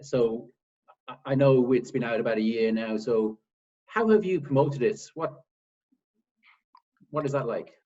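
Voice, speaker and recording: A male interviewer asks brief, encouraging questions in a mellow, husky voice. He sounds far from the mic, with a dull, muffled quality to the audio. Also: medium pitch, a little slow, pauses often. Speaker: interviewer, podcast host.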